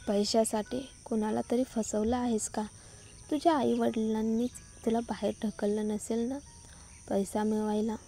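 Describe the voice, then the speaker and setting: A woman's voice: a little high, little pitch movement, unhurried, mellow, a little hiss or hum. A woman voicing a scornful, cruel young woman in a storybook reading, speaking in a cold, taunting way. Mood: mocking.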